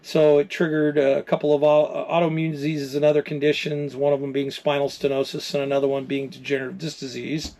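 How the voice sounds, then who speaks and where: A man in his fifties with a slightly raised pitch tells his own story to the camera in a candid, determined way. He speaks plainly, with frequent fillers and friendly asides to his viewers. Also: monotone, brisk, hardly any pauses, a little mellow. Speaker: RV travel vlogger. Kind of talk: personal story told to camera.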